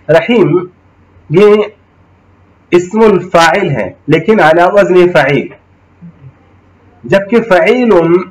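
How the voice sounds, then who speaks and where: A high-pitched male Islamic studies teacher gives a classroom lecture, explaining Arabic terms, checking in with his students, and reciting Quranic verses. The recording quality is low.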